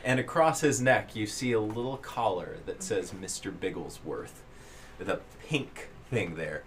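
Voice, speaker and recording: A man narrating a tabletop role-playing game to his players as game master, building scenes in halting, drawn-out descriptions. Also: on the low side, a bit bright, a little hiss or hum.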